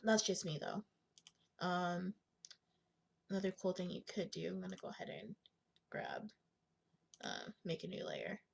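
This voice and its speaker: A young woman with a raspy smoker's voice giving a casual screen tutorial, thinking aloud in informal, slangy speech and often clearing her throat. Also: on the low side, steady tone, measured pace, long pauses, a little hiss or hum. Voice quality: husky smoker's rasp with gravelly creak. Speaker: digital art tutorial host.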